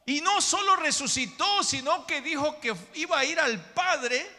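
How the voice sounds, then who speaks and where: High, bright-voiced preaching pastor. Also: male voice, measured pace, long reverb tail. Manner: emphatic preacher, addresses listeners as brother, acts out quoted people. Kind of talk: sermon. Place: church sanctuary.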